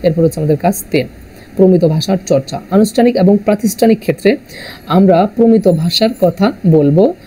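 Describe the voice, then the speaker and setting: A man with a very dark, mellow voice and a husky edge walks students through exam answers. He pauses on drawn-out fillers and catches himself mid-word before going on. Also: sits high, low-quality recording. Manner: halting, frequent "ah" fillers and self-corrections. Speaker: teacher. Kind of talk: exam answer walkthrough lesson.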